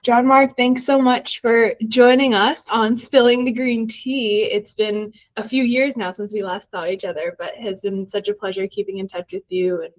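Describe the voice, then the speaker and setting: A woman's voice: fairly high pitch, steady tone, moderate pace, few pauses, muffled recording, soft background music. A woman hosting a podcast interview, asking long, encouraging questions with "you know" in between. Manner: warm, encouraging, wordy questions. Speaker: podcast host.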